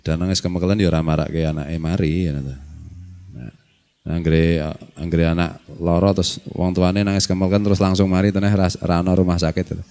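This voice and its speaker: A middle-aged Javanese-accented man leads a relaxed religious study session, his voice sitting fairly low. He teases his listeners and laughs easily, and he slips into Arabic recitation between plain remarks. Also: a little fast. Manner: jokey, laughs often, mixes local and Arabic phrases. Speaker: Islamic scholar teaching a study circle. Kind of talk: casual religious lecture.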